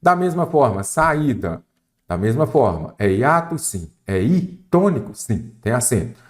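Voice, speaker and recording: Lively Brazilian male grammar teacher. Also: medium pitch, a little slow. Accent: Brazilian Portuguese. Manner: energetic, asks and answers his own questions. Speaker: Portuguese teacher. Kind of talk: exam-prep grammar lesson.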